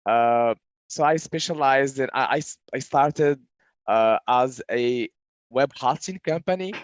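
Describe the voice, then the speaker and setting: A man in his thirties from Morocco speaks in a smooth, clear voice, halting often with fillers and false starts as he explains his work. The recording sounds dry and a little muffled. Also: medium pitch, dry recording. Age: 30s. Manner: hesitant, many fillers and restarts. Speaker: guest entrepreneur. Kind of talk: casual interview answers.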